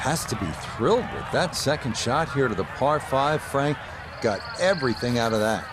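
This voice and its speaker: A man doing golf commentary as lead announcer in a sports video game, calling play in short, measured phrases. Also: medium pitch, animated, background noise, natural voice.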